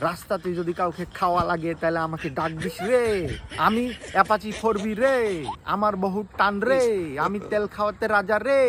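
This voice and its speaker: A synthetic male AI voice doing a social media text-to-speech comedy voiceover, with boastful, sing-song line endings. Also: sits high.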